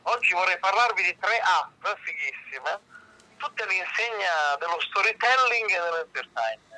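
A sick man talks from bed over a speakerphone line that sounds sharp and bright, with his voice a touch high. He stays easygoing and jokes as a guest explaining apps on a talk show. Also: expressive, moderate pace, poor audio. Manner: joking, easygoing. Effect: heard over a speakerphone call. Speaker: guest app expert. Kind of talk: casual on-air chat.

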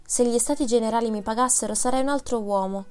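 A woman voicing a gentle, deranged young man who speaks in a dreamy, halting way, with faint music behind. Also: on the high side, lightly acted. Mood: wistful.

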